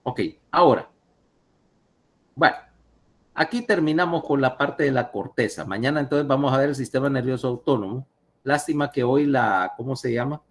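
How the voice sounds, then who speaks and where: Brief: conversational male lecturer with a mid pitch, over a video call link. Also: moderate pace. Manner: chatty, asks listeners questions. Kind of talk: online lecture with anecdotes.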